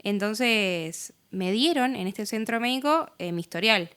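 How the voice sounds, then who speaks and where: A woman's voice: mid-range voice, measured pace, clean tone. A young woman with an Argentine accent, a podcast guest candidly telling her own story in casual talk full of fillers. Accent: Argentine Spanish. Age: young adult. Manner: casual, lots of fillers, animated retelling.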